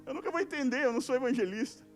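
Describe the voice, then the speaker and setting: A male pastor with a Brazilian Portuguese accent, preaching an evangelical sermon at a youth service and acting out little dialogues as his voice swings between loud and soft. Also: very high-pitched, expressive, a little fast, soft background music. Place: church service.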